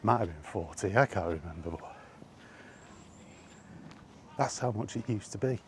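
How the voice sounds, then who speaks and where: A British vlogger with a lowish, slightly mellow voice talks expressively at a normal speed during a walk in the park. His monologue is casual and rambling, hesitant and mildly grumbling, over noisy outdoor surroundings.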